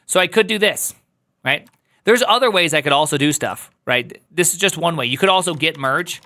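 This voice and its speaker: Bright slightly high guy doing a coding walkthrough, jokey asides, keys clacking. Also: lively intonation, normal speed. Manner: playful, joking asides to chat, jumps high when teasing. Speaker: coding instructor.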